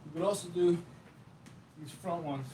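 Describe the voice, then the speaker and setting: Recorded from a distance in an echoey room with noticeable background noise, this man demonstrates a brief home workout. He speaks unhurriedly in a warm, slightly high voice, describing each move in a relaxed, supportive way while doing it.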